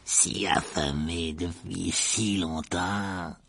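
A man voicing a cold, deadly, hungry unseen monster that speaks in a hushed, menacing way in a storybook reading. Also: low voice, steady tone, drawn-out words, creaky, pitched below the performer's own voice, exaggerated voice. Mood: cold menace.

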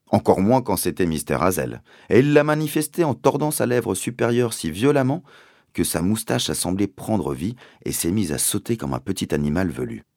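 A man narrating a children's story aloud in an expressive, storytelling manner. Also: low voice, dry recording, studio quality. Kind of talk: audiobook narration.

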